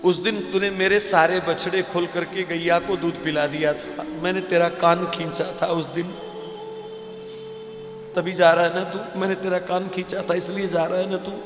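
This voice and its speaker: A man voicing a tearful village milkmaid woman who pleads in a hushed voice during a devotional storytelling sermon. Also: sits high, steady tone, unhurried, music in the background. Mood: pleading. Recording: echoey hall.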